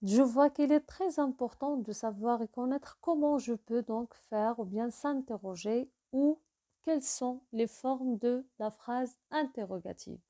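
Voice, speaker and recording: Woman, French teacher, video lesson, slow deliberate delivery, slightly high pitch. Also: dark tone. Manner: slow, deliberate explanation with repeated example sentences. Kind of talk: classroom-style video lesson.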